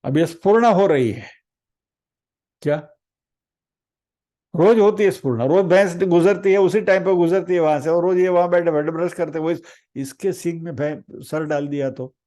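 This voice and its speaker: A man giving a spiritual discourse on scripture, telling a story with lively acted-out voices, asking the listeners rhetorical questions and mixing in English phrases. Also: a little high. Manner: asks the audience rhetorical questions; mixes English phrases into the talk. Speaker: spiritual teacher.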